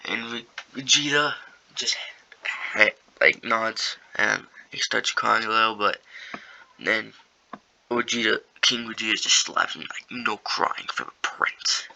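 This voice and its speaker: A man's voice: on the low side, takes it slowly, creaky, bright, forceful tone, slight background noise, low-quality recording. A young man casually improvising a story, rambling and slangy, with many fillers.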